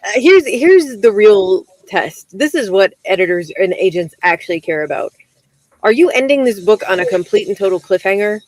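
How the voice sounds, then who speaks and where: A woman's voice: mid-range voice, animated, normal speed, no room sound, poor audio. A woman co-hosting a live-stream chat, giving firm, direct advice. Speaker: livestream co-host.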